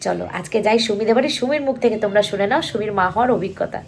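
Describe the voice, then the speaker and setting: Over loud music, a young woman races through a talkative vlog in a mid-range voice. She speaks straight to her viewers in a casual way, with many fillers.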